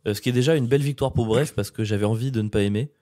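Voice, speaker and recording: A man from France co-hosting a podcast, rambling and poking fun at himself in quick slangy bursts. The sound is dry and close to the mic. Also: mid-range voice, dark tone, dry recording. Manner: slangy, rambling, self-mocking. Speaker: podcast co-host. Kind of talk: casual chat.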